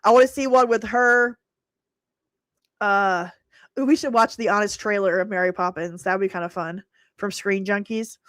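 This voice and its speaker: A woman's voice: mid-range voice, steady tone, normal speed, no room sound, clean studio sound. A middle-aged woman hosting a live stream, chatting casually, laughing often and answering viewers by name.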